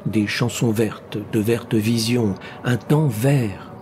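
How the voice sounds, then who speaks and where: A man narrating a science fiction story as an audiobook reader, with a measured, dramatic delivery. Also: lowish voice, background noise. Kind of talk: scripted narration.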